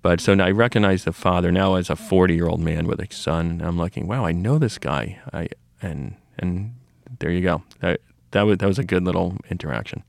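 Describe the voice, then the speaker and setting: A man's voice: low-pitched, a little fast, gravelly, dry recording. A middle-aged man who runs a comic shop, telling long rambling stories on a podcast with many restarts and asides. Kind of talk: casual storytelling conversation.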